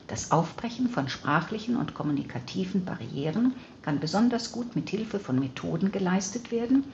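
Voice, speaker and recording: A woman narrating an audiobook in an even, measured reading voice, on slightly dull audio. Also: fairly low pitch, slight background noise. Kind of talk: scripted narration.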